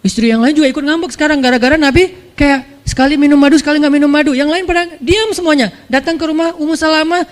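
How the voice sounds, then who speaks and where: A woman preacher telling a religious story in a lively, chatty, conversational way. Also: sits high, fast talker, hardly any pauses, in a large hall. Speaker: Islamic preacher. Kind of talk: storytelling sermon.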